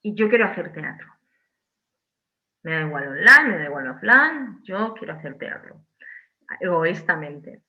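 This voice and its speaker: A woman from Spain, a theatre director talking as a guest on a video call from home, animated, with many restarts and tag questions. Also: lowish voice, a little slow, long pauses, muffled recording. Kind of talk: casual online interview.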